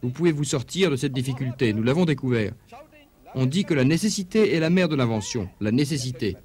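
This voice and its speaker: A man preaches emphatically in a dubbed religious lecture, posing rhetorical questions with his pitch swinging high and low. His delivery is animated and fairly quick, with a darkish tone.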